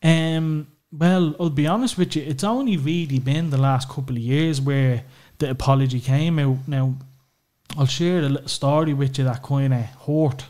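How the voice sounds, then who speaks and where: Here a man with a fairly high, warm voice speaks at a moderate pace. He's Irish and a podcast guest, and he opens up candidly about his family, cursing casually and leaning on "you know" again and again.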